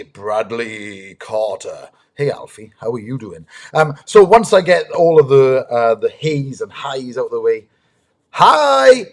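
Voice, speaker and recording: Brief: male host for a kids' live stream, slightly high and very animated pitch, eager, chatty, lots of ums. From United Kingdom. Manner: lively and eager, greets chat viewers, many ums. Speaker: host, dinosaur ranger. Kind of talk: live-stream chat with young viewers.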